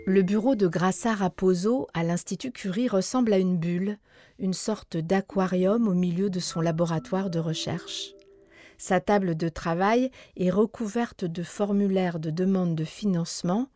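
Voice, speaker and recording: Woman narrator, lowish voice, calm scripted read, music playing under it. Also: dry recording. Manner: measured and even. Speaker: podcast narrator. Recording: narration over background music.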